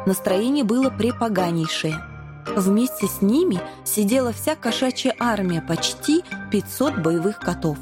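A woman reading a children's storybook aloud in an expressive way. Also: medium pitch, measured pace. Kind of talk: storybook narration. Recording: narration over clear music.

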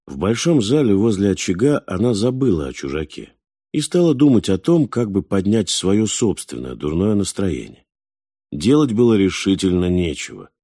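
A man reading a novel aloud as audiobook narrator, in a calm, measured, unhurried manner. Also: deep voice, dry recording, studio quality. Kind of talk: scripted narration.

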